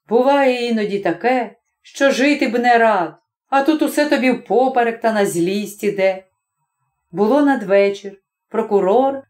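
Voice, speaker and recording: A woman narrating an audiobook story in a measured, even storytelling manner. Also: on the high side. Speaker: audiobook reader. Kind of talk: scripted narration.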